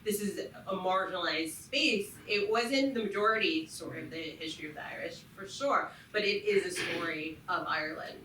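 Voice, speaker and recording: A woman panelist speaks reflectively in a very low but bright, forceful voice. She is heard from afar in an echoey room with faint ambience. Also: moderate pace, few pauses, a little hiss or hum. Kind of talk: panel discussion. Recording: echoey room, far from mic.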